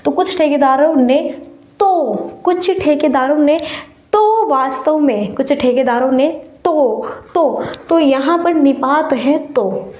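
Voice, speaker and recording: A woman teacher giving an exam-prep lesson while feverish, explaining slowly and repeating key words for stress. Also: high-pitched, a little mellow, reverberant.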